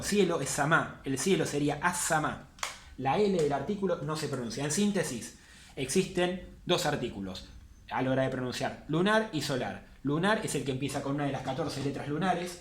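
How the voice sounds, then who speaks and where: Man teaching in an echoey room. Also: on the high side. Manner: patient, repeats key points for emphasis. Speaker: language teacher. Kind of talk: classroom lesson.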